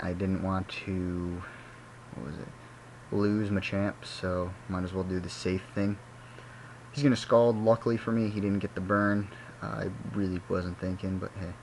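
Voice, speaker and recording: A man's voice: deep voice, a little hiss or hum, rough recording. A young man casually talking over his own game battle, rambling and correcting himself as he goes. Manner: rambling, self-correcting, chatty. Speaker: gaming commentator.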